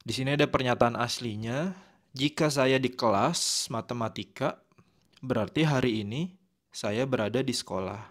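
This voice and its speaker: A man teaching a lesson on logic in a relaxed, conversational way, with lots of fillers and tag words. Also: medium pitch, moderate pace, pauses often. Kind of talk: casual explanatory lesson.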